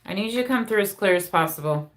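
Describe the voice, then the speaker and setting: A woman's voice: mid-range voice, lively intonation, fast talker. A woman hosting a casual live spirit reading, speaking informally and directly to her viewers as a medium.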